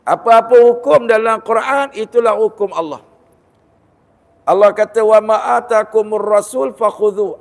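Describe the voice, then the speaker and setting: A man with a Malaysian Malay accent giving a Ramadan sermon, lively and storytelling, with jokes and rhetorical questions. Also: high-pitched. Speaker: religious teacher giving a Ramadan talk. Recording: long hall reverb.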